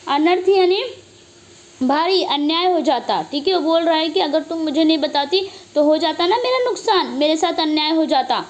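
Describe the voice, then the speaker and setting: A woman's voice: sits high, normal speed. A woman teacher explaining a play to students, asking herself questions and answering them, with frequent "okay" fillers. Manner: asks herself questions and answers them, repeats 'okay' often.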